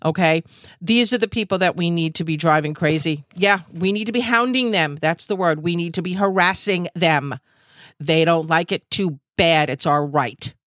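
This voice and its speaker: A fired-up woman rants straight into a video call, her voice low and dry. She repeats herself for emphasis and stumbles through fillers as her anger builds. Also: moderate pace, a bit bright, dry recording. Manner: angry, emphatic, repetitive, with many fillers. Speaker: host. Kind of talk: impassioned monologue.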